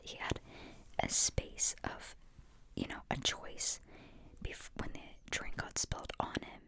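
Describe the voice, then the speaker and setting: A young woman whispering as host of an ASMR podcast, reflective and rambling, with many fillers and restarts.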